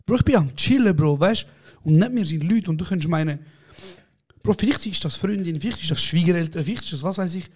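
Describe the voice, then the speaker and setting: A man with a slightly higher voice co-hosts a relaxed podcast chat. He tells animated, slangy anecdotes and laughs often. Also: quick pace, slightly rough. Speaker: podcast co-host. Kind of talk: casual chat, storytelling.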